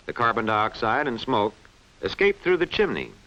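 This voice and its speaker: In a medium-pitched voice at normal speed, a man narrates an educational film from a script, bright and forceful in tone. His delivery is clearly enunciated and didactic, his intonation moving up and down animatedly. The audio sounds muffled and band-limited, like vintage film sound.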